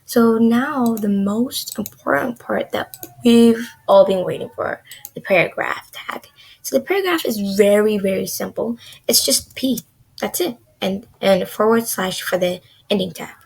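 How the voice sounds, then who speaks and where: A woman's voice: mid-range voice, a little slow, creaky, darkish tone, husky. A young woman teaching a beginner coding lesson in a chatty, loose way, full of "like" and "um". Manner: chatty, filler-heavy, says "like" a lot. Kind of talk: casual screen-recorded coding lesson.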